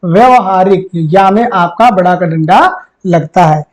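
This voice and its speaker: A man's voice: high voice, unhurried, poor audio. A man teaching a Hindi spelling and vocabulary lesson for an exam, repeating each word and asking the viewer questions. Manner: repeats words and quizzes the viewer; calls viewers friends. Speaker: exam tutor.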